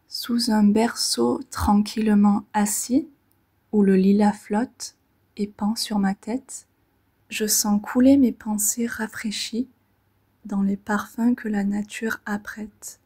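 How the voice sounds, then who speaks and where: Her poetry reading is slow-paced, gentle and calming, with short phrases divided by pauses. The woman's mid-range voice is soft and breathy, frequently sinking toward a whisper.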